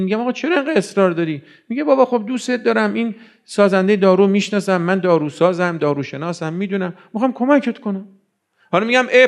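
Gravelly high-voiced male preacher. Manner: conversational preaching, acting out dialogues. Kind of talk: sermon.

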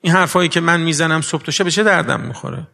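Guy preaching a sermon, kinda high gravelly voice, lots of rhetorical questions, echoing hall. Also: steady tone, sharp tone. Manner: earnest, full of rhetorical questions, mixing formal and everyday speech. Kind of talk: religious sermon. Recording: long reverb of a large hall.

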